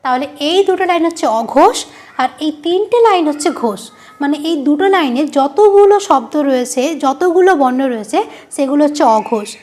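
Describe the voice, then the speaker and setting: A woman's voice: sits high, animated, brisk, a little mellow. A woman teacher talks through an online grammar lesson. She is patient and repeats each point, often asking a short question and then answering it herself. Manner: patient, explains by repeating and quizzing the listener.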